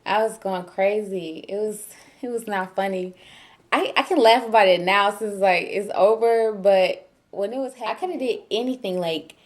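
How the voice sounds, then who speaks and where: A young woman, telling a story casually and animatedly, laughing often and acting out her own shouting. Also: mid-range voice, moderate pace. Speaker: new mother vlogger.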